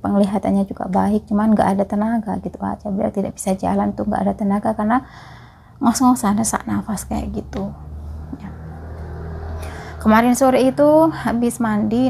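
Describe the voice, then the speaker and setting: A woman's voice: medium pitch, vocal fry, dark tone, slightly rough. A woman from East Java, a migrant caregiver chatting casually to her viewers in a vlog and often calling them friends. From East Java, Indonesia.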